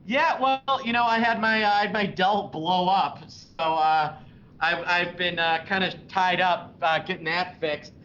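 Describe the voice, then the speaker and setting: A man's voice: unhurried, bright, forceful tone. A man with a tinny-sounding voice and a Chicago accent, bantering jokily as a podcast panelist. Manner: jokey. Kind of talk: casual bantering chat. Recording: tinny, dull, noisy remote line with rumble.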